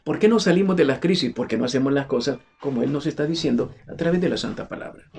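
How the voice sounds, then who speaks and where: A man's voice: mid-range voice, fast, vocal fry, darkish tone. A man preaching a sermon, asking rhetorical questions and acting out quotes in voices.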